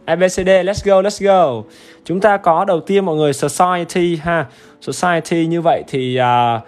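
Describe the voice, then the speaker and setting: A man teaching English on a livestream, upbeat and chatty, often checking in with viewers. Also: fairly high pitch. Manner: upbeat and chatty, keeps urging viewers to comment; repetitive check-ins with the audience. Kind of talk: livestream exam-review lesson.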